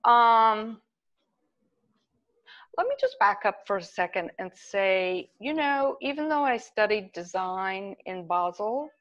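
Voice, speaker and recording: Woman, interviewed artist, slow measured talk, muffled recording. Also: medium pitch, lively intonation, a bit bright. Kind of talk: conversational interview.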